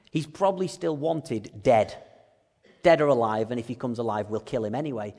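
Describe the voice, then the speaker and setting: A man's voice: mid-range voice, moderate pace, darkish tone. A male preacher who gives a chatty, jokey sermon in a storytelling style. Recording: long hall reverb.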